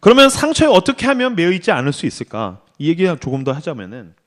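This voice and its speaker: A man preaching a sermon in an animated, blunt way with casual slang. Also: a little high, fast talker.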